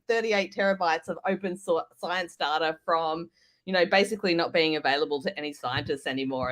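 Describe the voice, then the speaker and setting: Chatty Australian woman hosting a livestream. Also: on the low side. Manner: chatty, laughs often. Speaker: co-host. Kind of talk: casual livestream chat.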